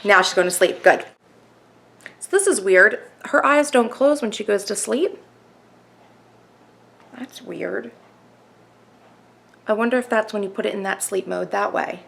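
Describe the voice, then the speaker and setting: A young woman vlogger chatting casually while reviewing a toy, soft-spoken with many fillers, recorded at home on a camera mic. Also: mid-range voice, normal speed, gravelly.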